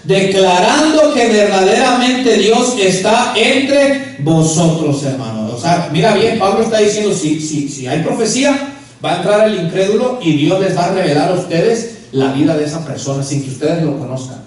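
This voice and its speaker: A man preaching a sermon as pastor, telling a story with lively acted-out dialogue. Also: fairly high pitch, brisk. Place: church sanctuary. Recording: echoey church hall, mic at a distance.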